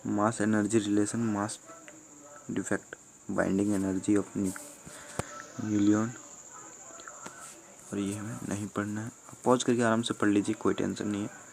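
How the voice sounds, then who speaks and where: A man from Jharkhand, a teacher, going through a school syllabus in a steady listing manner with fillers. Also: on the low side, measured pace, gravelly, pauses often, a little hiss or hum. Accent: Jharkhand Hindi. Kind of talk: explaining a syllabus.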